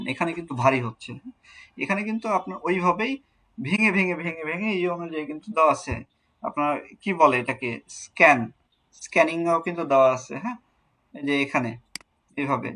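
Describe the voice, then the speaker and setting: A man's voice: a little high, expressive, fast talker, sharp tone, low-quality recording. A young adult man with a Bangladeshi accent teaching an online class, explaining step by step and repeating key words as he answers questions.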